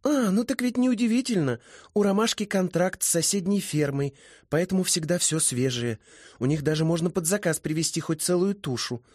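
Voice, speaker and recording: A man's voice: high-pitched, expressive, no room sound, clean studio sound, voice pushed up. A man doing a chatty, cheerful young woman. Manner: chatty, bright, quick. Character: cheerful young village woman, secretly a kikimora.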